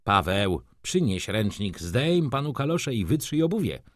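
A man's voice: fairly low pitch, big pitch swings, unhurried, no echo, studio quality. A man voicing a young foppish shop clerk who talks effusively and fawns over customers. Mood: fawning. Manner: effusive, obsequious salesman patter. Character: young foppish male shop clerk, fawning, fast-talking.

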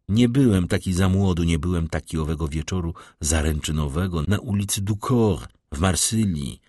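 A man voicing a grave, tormented middle-aged prosecutor in an audiobook, speaking slowly and measuredly. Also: low-pitched, a little mellow, slightly rough, no room sound, clean studio sound, heavily acted. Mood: brooding. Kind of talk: audiobook character reading.

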